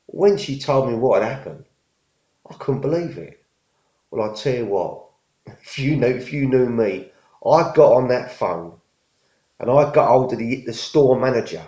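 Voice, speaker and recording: A man's voice: medium pitch, expressive, measured pace, long pauses, warm tone. A middle-aged man, telling a story in a rambling, casual monologue, often repeating himself and using working-class slang. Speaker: vlogger. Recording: echoey room, dull lo-fi sound.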